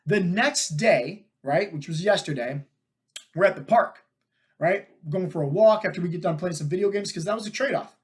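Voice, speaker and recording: A man with a fairly high voice hosts a fitness podcast, speaking straight to his listeners. He tells stories in a loose, energetic way and keeps checking in with "right?" and "like". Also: moderate pace. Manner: energetic, talks to listeners with frequent "right?" and "like" fillers. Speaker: podcast host and fitness coach. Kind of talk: casual storytelling monologue.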